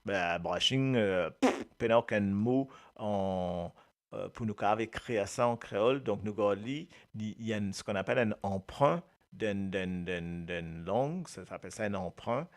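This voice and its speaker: A man's voice: on the low side, normal speed. A man with a Mauritian accent, hosting a casual radio talk about Creole words; he hesitates with many filler sounds, laughs often and speaks to listeners by name. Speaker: radio host.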